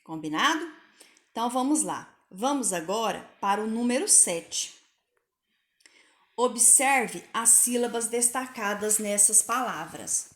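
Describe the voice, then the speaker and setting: A woman teaching Portuguese spelling to pupils in a recorded lesson, patient and clear, sounding out each word slowly. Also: on the high side, lively intonation, fairly bright tone, echoey room.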